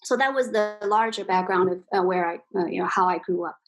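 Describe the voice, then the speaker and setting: A Chinese woman in her forties, an exchange CEO, appears as an interview guest speaking English with a Chinese accent. She is thoughtful, with many fillers and restarts, in a mid-range voice at a fairly quick pace.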